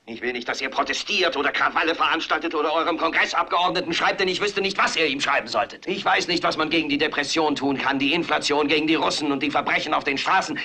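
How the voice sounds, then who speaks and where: Fed-up TV anchorman in a dubbed film, husky bright high voice, grim then shouting orders. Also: full character voice. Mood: grim, brooding. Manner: builds from grim brooding to hoarse shouted commands. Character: weary middle-aged male TV anchor, furious and rousing. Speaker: news anchor on air.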